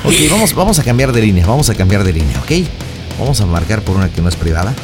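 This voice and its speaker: A man's voice: fairly low pitch, lively intonation, music in the background. A male radio host directing a prank call and coaching his callers on what to say. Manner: bossy, coaching callers with quick instructions.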